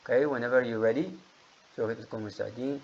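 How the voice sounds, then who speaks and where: Man, English teacher, online class, patient explanations, mid-pitched voice, slightly dull lo-fi audio. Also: fairly even intonation, racing. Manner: explains grammar rules patiently, calls on students by name.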